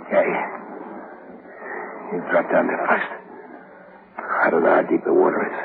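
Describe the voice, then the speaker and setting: A man's voice: low voice, completely flat delivery, normal speed, creaky. An actor playing a tough, selfish male convict who talks in street slang and bosses his partner, in an old radio drama. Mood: tense. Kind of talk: 1930s radio drama acting. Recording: scratchy old radio broadcast, tinny and hissy.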